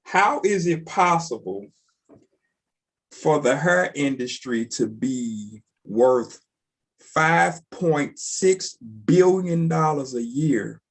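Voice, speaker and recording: A man co-hosting a casual podcast, blunt and insistent, repeating his points. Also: medium pitch. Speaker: podcast co-host.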